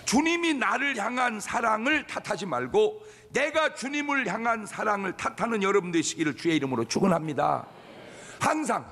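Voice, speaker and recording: A man preaching a sermon in a church, animated and leading the congregation in call-and-response. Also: high-pitched, normal speed, big-room sound. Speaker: pastor. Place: church sanctuary.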